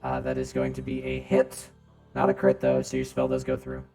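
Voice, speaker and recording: Man with a deep robot voice filter. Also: moderate pace, faint music behind. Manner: relaxed, teasing rules explanations. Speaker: game master. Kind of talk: running a tabletop game over voice chat.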